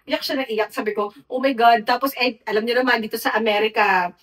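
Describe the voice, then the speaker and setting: A woman's voice: a little high, fairly quick, recorded from a distance. A woman in her thirties, a podcast co-host, telling a comic story in mixed Tagalog and English. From Philippines. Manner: animated, laughing storyteller mixing Tagalog and English. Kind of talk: casual chat, comic storytelling.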